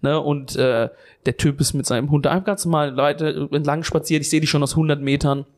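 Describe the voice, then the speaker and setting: Young man, comedy podcast co-host, slightly high voice, rambling storyteller, swears a lot. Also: fairly even intonation, fairly quick. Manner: rambling, swears a lot, keeps restarting with "anyway".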